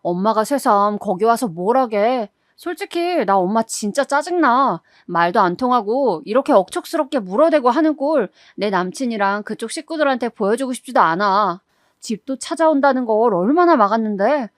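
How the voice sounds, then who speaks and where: A woman's voice: on the high side, dry recording, studio quality, close to an everyday voice. A woman voicing an irritable, demanding young adult daughter who talks in a snappish, whiny way.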